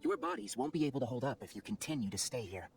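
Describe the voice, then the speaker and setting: A man voicing a young forest ranger scholar in a video game, exacting and testy, with a crisp lecturing manner. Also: medium pitch, wildly swooping pitch, fast, over music. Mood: serious, composed. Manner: crisp, lecturing, matter-of-fact.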